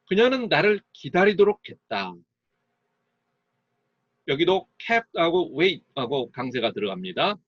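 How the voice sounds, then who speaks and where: A male teacher gives a recorded lecture in a slightly husky, fairly high voice whose pitch rises and falls a lot. He speaks slowly and deliberately and leans hard on the stressed beats of his example sentences. The sound is dry and a bit dull, like a lo-fi recording. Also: fairly bright tone, no echo. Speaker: English teacher.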